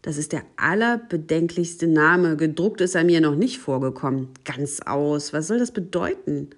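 A woman voicing a naive, good-hearted little female mouse in a read-aloud fairy tale, pitching her voice higher and speaking more emphatically than in her narration. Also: expressive, moderate pace. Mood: puzzled.

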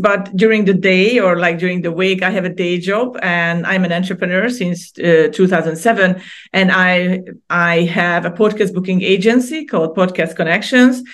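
A middle-aged Hungarian woman with a fairly low, slightly bright voice appears as a guest artist on a podcast. In this casual interview conversation she chats, laughs often and restarts her sentences.

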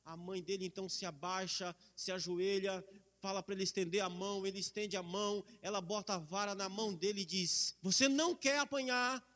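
A man preaches a sermon. He is emphatic and stretches out scripture lines, his voice very high and bright. A long reverb fills a large hall. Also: flat delivery, a little fast.

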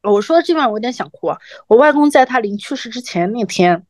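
A woman's voice: fairly high pitch, lively intonation, quick pace, a little mellow, no echo, clean studio sound. A woman in her thirties co-hosting a podcast, telling a personal story in a reflective, conversational way. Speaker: podcast co-host.

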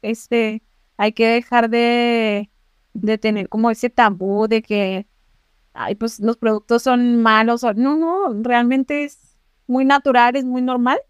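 Young Mexican woman co-host, slightly high and smooth; relaxed, chatty podcast talk. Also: slow pace, no room sound, studio quality. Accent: Mexican Spanish. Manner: chatty, asks questions, gives advice. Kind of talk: casual chat.

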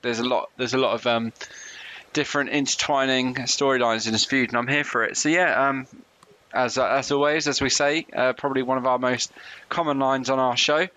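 Bright-voiced man, easygoing podcast chat. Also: medium pitch, steady tone, normal speed. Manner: filler-heavy, easygoing. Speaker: podcast co-host. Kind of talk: casual chat.

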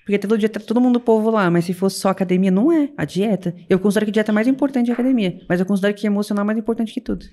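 Fast-talking woman in lively chat. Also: mid-range voice. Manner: animated storytelling, quick and expressive. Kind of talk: casual chat.

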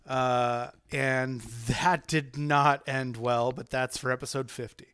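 Male podcast host, medium pitch, rambling casual chat, dry close sound. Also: slow pace, clear, resonant tone, dry recording. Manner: rambling, self-interrupting, animated.

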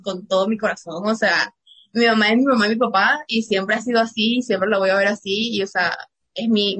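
A woman's voice: mid-range voice, a bit bright. A young woman from Venezuela with a Venezuelan accent, a student guest telling a personal story with many fillers. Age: young adult.

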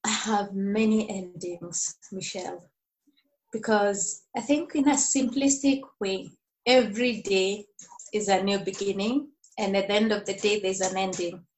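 A middle-aged woman speaks with a Kenyan accent. Her pitch sits in an ordinary female range, and she talks conversationally, as a guest answering questions in an interview. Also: steady tone, measured pace, darkish tone, a little hiss or hum, rough recording. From Nairobi, Kenya. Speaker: podcast guest. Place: remote call from Kenya.

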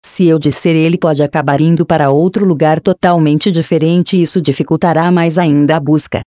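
A storyteller voicing a short old man, a key-shop owner, who speaks calmly and with quiet knowing. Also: fairly high pitch, brisk, no room sound, studio quality, natural voice. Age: older. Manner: calm, gently knowing.

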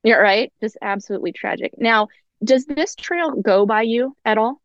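A woman's voice: on the high side, moderate pace, no room sound, highs cut off. A young woman, a podcast guest, who is effusive and giggles often. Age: young adult. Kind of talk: casual podcast chat.

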